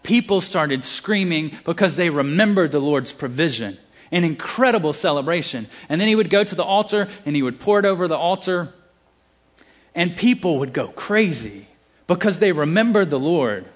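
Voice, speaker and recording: A man with a Southern US accent preaching a sermon, emphatic, with casual asides and restarts. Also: a little high.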